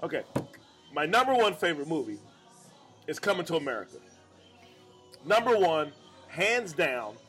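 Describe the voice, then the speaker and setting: A tipsy man hosting a chat in a bar, loud, profane and insistent. His voice is high and bright, pushing hard on every point. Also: big pitch swings, moderate pace, pauses often, soft background music. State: drinking, tipsy. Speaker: podcast host.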